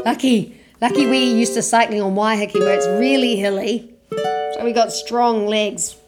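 A woman telling a children's story in an animated, chatty way, sometimes singing a chorus. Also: a little high, normal speed. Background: guitar music.

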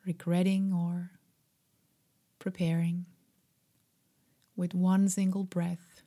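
A woman guiding a meditation in a soft, breathy, half-whispered voice, gentle, soothing and unhurried. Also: on the low side. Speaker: meditation guide. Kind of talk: slow guided meditation.

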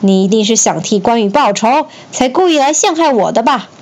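A woman's voice: medium pitch, unhurried, a little mellow, natural voice. A woman voicing a suspicious, wrathful male warlord who roars his accusations in a children's story reading. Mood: furious. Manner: roaring accusations.

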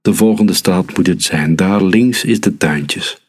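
A man's voice: low-pitched, unhurried, a little mellow, husky, in a large hall. A man voicing a stern, angry mother in a storybook reading.

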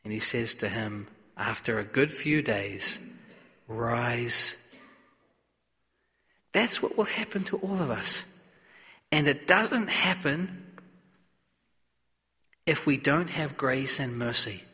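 A man speaking as a priest at a funeral, solemn and measured, in short deliberate phrases, with the cathedral-like echo of a large church. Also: mid-range voice, lively intonation, bright, forceful tone. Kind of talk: solemn gospel reading and funeral homily.

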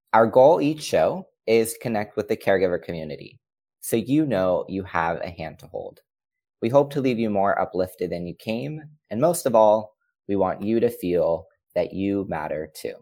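A man co-hosting a podcast, reading the welcome and a promo in a steady, read-aloud way. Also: fairly low pitch. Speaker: podcast co-host. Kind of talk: scripted podcast intro and promo.

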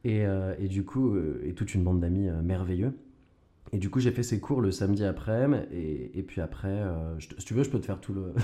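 In a laid-back chat, this young adult Canadian actor and guest speaks with a deep voice at a brisk pace. He recounts his story loosely, using slang and often tripping into restarts.

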